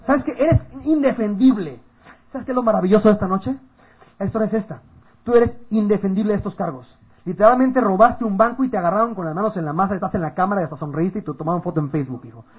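A man with a Mexican accent delivers an animated youth-camp sermon full of slang. His voice sits high and sounds husky, and he tells it as a lively story. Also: very fast, lo-fi sound. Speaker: youth preacher.

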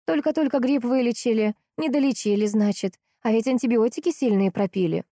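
A woman voicing a tired, worried young mother in an audiobook, speaking a little higher than her narration. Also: fairly quick, dark tone, no echo, studio quality, lightly acted. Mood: weary.

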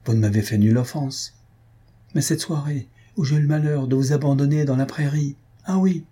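A man's voice: mid-range voice, dark tone, slightly rough, lightly acted. A man reading aloud, voicing a composed young countess who answers with light, firm politeness.

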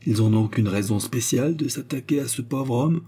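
A man's voice: medium pitch, moderate pace, dark tone, slightly rough. A man reading the part of a young English traveler, dry and mildly mocking. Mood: wry.

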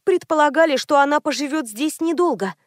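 A woman voicing a gentle, placating peacemaker woman. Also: high-pitched, animated, a little fast, no room sound, studio quality, voice pushed up. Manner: smooth, placating. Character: soothing middle-aged woman, gentle persuader.

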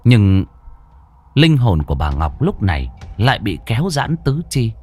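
A man narrating a horror story with a dramatic, expressive reading. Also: fairly low pitch, measured pace, faint music behind.

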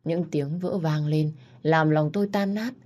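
A woman narrating a first-person story in a calm, steady way. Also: deep voice, a little slow.

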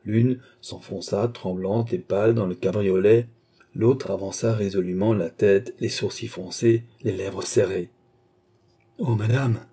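A man narrating a classic novel as an audiobook with a steady, expressive reading. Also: lowish voice, measured pace, vocal fry, breathy edge.

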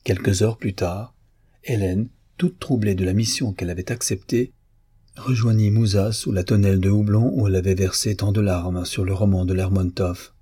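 A man narrating a classic novel as an audiobook, in a measured, even storytelling manner. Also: sits low, slightly rough, dry recording. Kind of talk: literary novel reading.

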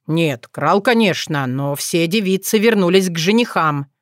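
A woman voicing a gruff young man who answers in low grumbling retorts. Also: animated, unhurried, no echo, clean studio sound.

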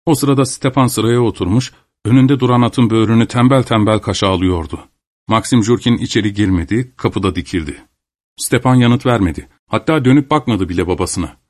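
A man's voice: fairly low pitch, moderate pace. Man narrating a story steadily. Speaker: audiobook narrator. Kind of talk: scripted narration.

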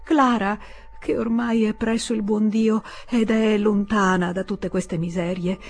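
A woman's voice: medium pitch, little pitch movement, measured pace, soft background music. A woman voicing an elderly widowed mother who pleads defensively and tearfully. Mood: pleading.

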